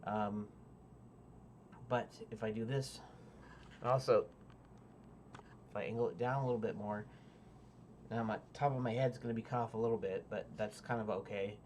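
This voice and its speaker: A man's voice: lowish voice, fairly even intonation, normal speed, long pauses, darkish tone, slight background noise. Rambling man talking to his webcam. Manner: rambling and hesitant, many fillers and restarts. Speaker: indie game developer. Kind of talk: casual devlog talk to camera.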